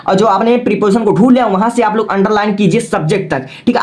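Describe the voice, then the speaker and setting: A male teacher giving a patient, step-by-step lesson, often checking in with "okay" and spelling words out letter by letter. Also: high voice. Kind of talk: classroom-style lesson.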